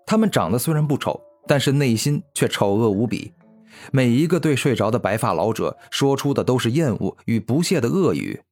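A man narrating a fantasy web novel in an expressive storytelling manner. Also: mid-range voice, brisk, faint music behind. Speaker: audiobook narrator.

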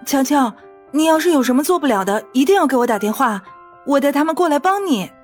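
A woman voicing an earnest young housemate in an audiobook, talking in a rushed, eager way. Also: high-pitched, lively intonation, darkish tone, faint music behind, voice pushed up.

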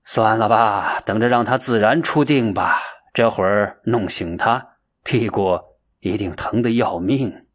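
A man voicing a jovial, cryptic elderly male Chan master who speaks slowly and low with a teasing manner. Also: husky.

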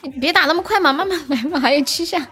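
Woman live-stream host, high voice, cheerful coaxing manner; faint music behind. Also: fast, pushed and bright. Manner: cheerful, coaxing, gives instructions. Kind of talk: casual live-stream hosting.

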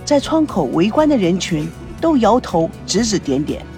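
A woman narrating a dramatic story in an expressive, animated reading. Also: mid-range voice, moderate pace, soft background music.

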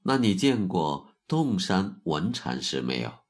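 A man voicing a calm, wise older male Zen master in a told story. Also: low-pitched, slow, husky, pitched above the performer's own voice, full character voice.

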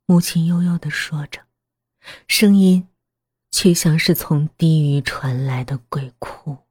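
A woman narrating a horror story in a hushed, half-whispered voice. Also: sits low, slow pace, husky, no echo. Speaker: voice actor narrating.

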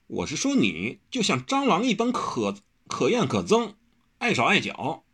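A man voicing a petulant, sharp-tongued young swordsman who fusses, whines and protests. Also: fairly high pitch, wildly swooping pitch, slightly rough, pitched above the performer's own voice, full character voice. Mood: indignant. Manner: fussy, whiny, quick to protest.

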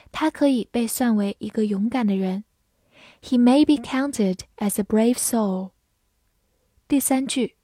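Woman, vocabulary teacher, unhurried, warm low tone, dry close sound. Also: slightly rough, no room sound. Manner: says each English word twice, then defines it slowly. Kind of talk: scripted vocabulary lesson narration.

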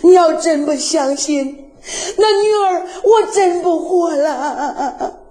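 A woman's voice: very high voice, slow pace, mellow. A woman voicing a young warrior daughter who pleads tearfully with her father.

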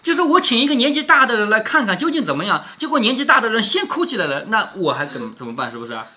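A man's voice: high-pitched, big pitch swings, very fast, pushed and bright, heavily acted. A man voicing an anxious, upset young maidservant in a storybook reading, in a raised, urgent pleading tone. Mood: distressed.

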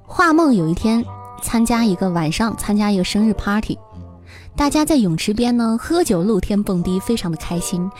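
A woman's voice: medium pitch, lively intonation, normal speed, darkish tone. A woman hosting a live-streamed party game in casual talk, playful and often laughing. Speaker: livestream host. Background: background music.

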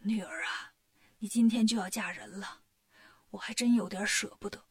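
A woman voicing an old king who is a fond, fretful father, speaking low and soft. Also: steady tone, moderate pace, natural voice.

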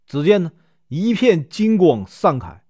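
A man's voice: high-pitched, very animated, measured pace, dark tone, husky, no room sound, clean studio sound. A man retelling a classic legend as a storyteller, in a chatty folk style full of filler particles.

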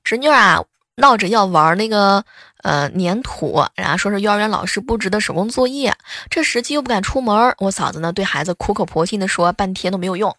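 A woman's voice: mid-range voice, brisk, a bit bright, no echo, clean studio sound, faint music behind. A woman host telling playful, chatty funny anecdotes. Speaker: radio-style host. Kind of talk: humorous anecdote storytelling.

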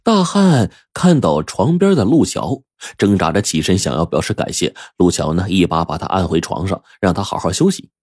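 A man telling a traditional story in a lively, colloquial, expressive way. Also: low-pitched, normal speed, husky, no room sound, studio quality.

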